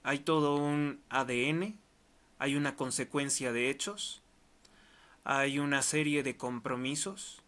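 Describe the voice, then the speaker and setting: A man's voice: mid-range voice, steady tone, takes it slowly, fairly bright tone. A man from Mexico, delivering an emphatic political commentary monologue in short, repeated clauses. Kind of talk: monologue to camera.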